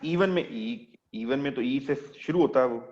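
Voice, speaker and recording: A man's voice: mid-range voice, unhurried, a little mellow, muffled recording. A man teaching an English class online, explaining step by step and quizzing his students as he goes.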